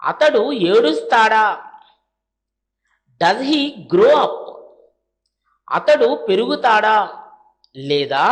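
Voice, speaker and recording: A woman with a Telugu accent teaching spoken English, reading each practice question very slowly and then translating it. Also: on the high side. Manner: reads English sentences very slowly, then Telugu translations; brisk asides to "friends". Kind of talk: language lesson drilling sentences.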